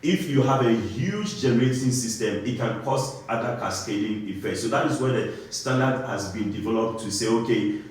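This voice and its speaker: A man's voice: medium pitch, normal speed. A man from Ghana with a Ghanaian accent, a compliance engineer explaining a technical topic and often checking in with "right?". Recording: very echoey room.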